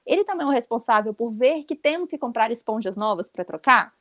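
A Brazilian woman in her thirties talks at a rapid clip in relaxed conversation, her voice pitched a little high. She tells stories emphatically and with animation. The recording is dry and close. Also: no echo. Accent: Brazilian Portuguese. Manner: animated, quick, emphatic storytelling. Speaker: podcast co-host. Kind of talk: casual chat.

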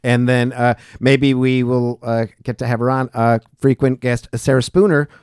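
A man's voice: mid-range voice, flat delivery, normal speed, a little mellow, clear, resonant tone, no echo, clean studio sound. A man co-hosting a sports radio show, chatting casually with many fillers and restarts.

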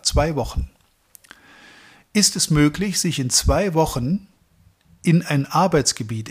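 Husky-voiced German man coaching salespeople. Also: on the high side, a little mellow. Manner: addresses listeners directly, piles up long lists of verbs. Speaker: sales trainer. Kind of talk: motivational training talk.

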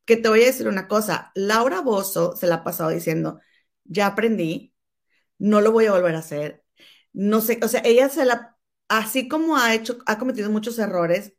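A woman in casual gossip chat, animated and calling her listener comadre. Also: medium pitch. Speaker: co-host.

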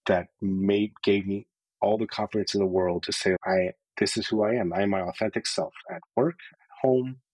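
A man's voice: on the low side, fairly even intonation, normal speed, darkish tone, no echo, rough recording. A man telling his story openly and earnestly as a podcast guest, with many casual filler words. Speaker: podcast guest, sales leader. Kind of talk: candid personal storytelling.

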